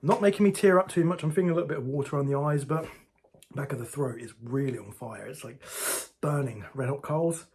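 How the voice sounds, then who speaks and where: Husky-voiced man chatting through a sauce review. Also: mid-range voice, a little fast, darkish tone. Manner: chatty, talks straight to viewers as "guys". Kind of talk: casual food review vlog.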